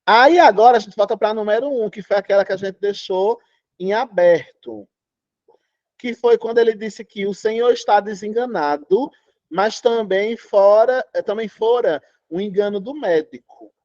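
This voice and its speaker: A man's voice: high voice, moderate pace, a little mellow, no room sound. A Brazilian man teaching Portuguese in an online exam-prep class, emphatic and often checking that students follow. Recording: dull, lo-fi online class audio.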